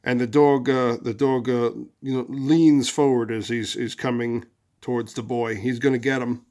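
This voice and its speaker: A man hosting his own advice video, rambling through a long story with fillers and restarts, and rising loud and high when he acts out angry lines. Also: little pitch movement, normal speed. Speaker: host of a relationship advice video series. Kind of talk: casual advice monologue with storytelling.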